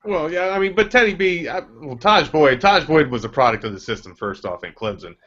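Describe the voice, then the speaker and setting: A man's voice: on the high side, expressive, fairly quick, a bit bright. A man co-hosting a fantasy football podcast, rambling in casual chat with many restarts. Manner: rambling, many restarts and fillers, laughs easily. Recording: dull lo-fi audio.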